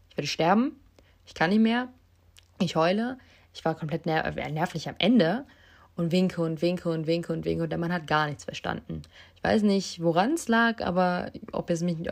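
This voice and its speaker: A woman's voice: lowish voice, gravelly. A young woman hosting her own podcast, telling a personal story in a casual, emotional, self-mocking way and speaking straight to her listeners on a basic microphone. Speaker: podcast host. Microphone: basic non-professional mic.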